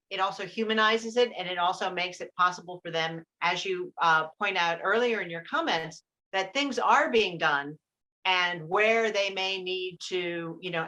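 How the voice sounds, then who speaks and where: Female festival moderator, bright tone, measured and courteous, hesitant fillers. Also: mid-range voice. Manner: polite, measured, many ums. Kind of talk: moderating a panel discussion.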